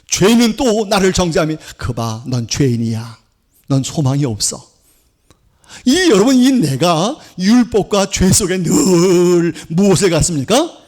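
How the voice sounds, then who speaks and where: Lively Korean pastor preaching. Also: male voice, a little high. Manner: addresses the congregation often, asks questions and answers them; acts out accusing voices of law and sin. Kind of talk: sermon. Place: church sanctuary.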